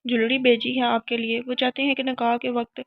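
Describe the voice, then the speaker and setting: A nervous, polite housemaid speaks deferentially, as a woman reader puts her on, in a slightly high, flat voice. The storybook reading has a dry, dull lo-fi sound. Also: no echo. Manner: polite, anxious. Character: polite timid female house maid.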